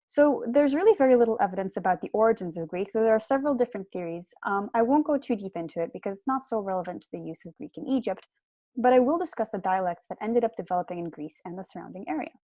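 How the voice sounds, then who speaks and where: This young lecturer, a PhD student, speaks quickly and animatedly in a medium-pitched, dark-toned voice. The prepared seminar talk is explanatory and articulate, captured dry on a computer mic in a small room at home.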